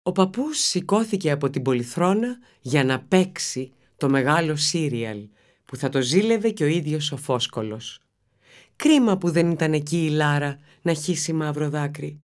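Expressive audiobook narrator. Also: mid-range voice. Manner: expressive, storytelling. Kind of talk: scripted narration of a children's novel.

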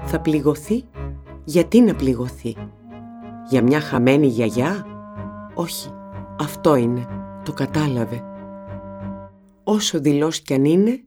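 A narrator reading a children's novel aloud in an expressive storytelling manner. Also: medium pitch. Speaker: audiobook narrator.

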